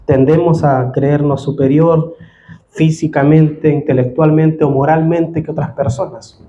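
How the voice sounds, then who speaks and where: A man's voice: a little high, warm tone, a little hiss or hum. A man preaching a sermon as pastor, earnest and rising to fervent appeals, recorded on a mic in a church hall.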